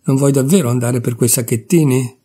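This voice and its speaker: A man's voice: medium pitch, a little fast, dark tone, husky, lightly acted. A man reading aloud voices a tired, anxious older mother who pleads with her daughters. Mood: weary.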